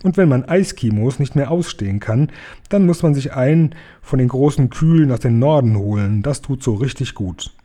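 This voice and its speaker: A coarse man-eating giant bellows and sneers his boasts, as a man puts him on in a raised, pushy voice. The timbre stays dark and mellow underneath. It is a storybook read aloud with bullying glee. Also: mid-range voice, animated, moderate pace, close to an everyday voice. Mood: boastful.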